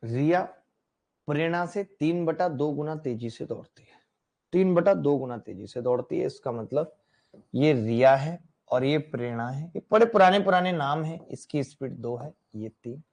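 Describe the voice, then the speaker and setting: A man teaching math in a lively classroom lecture, addressing students directly and playfully. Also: a little high, moderate pace.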